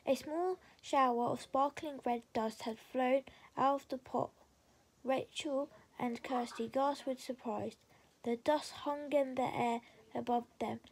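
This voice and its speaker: Bedtime storyteller, woman, soft and unhurried, breathy, high voice.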